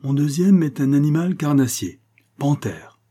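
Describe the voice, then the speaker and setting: A man reading aloud and voicing a boastful male gambler who likes to show off. The voice sounds husky and smug. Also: on the high side, expressive, a little slow, dark tone, pitched above the performer's own voice. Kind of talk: storybook reading.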